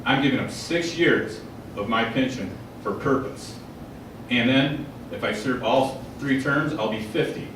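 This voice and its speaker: A man's voice: medium pitch, measured pace, noisy background. A man in his forties, a candidate answering questions at a public forum in a plain-spoken, earnest way, heard from far off in a large echoey hall. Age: 40s. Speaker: political candidate.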